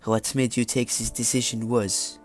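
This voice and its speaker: A man's voice: mid-range voice, level tone, normal speed, natural voice. Guy doing a jokey fake french accent reading out the game story, hammy, trips on words, some music under it. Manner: hammy, stumbling over words while reading aloud.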